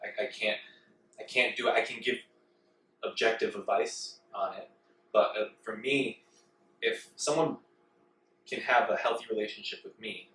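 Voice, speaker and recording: A man co-hosting a podcast, speaking in a measured, reflective way and often clearing his throat. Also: lowish voice, fairly even intonation, fairly bright tone, distant mic, a little hiss or hum. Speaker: podcast co-host. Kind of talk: casual chat. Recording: echoey room, off-mic with faint ambience.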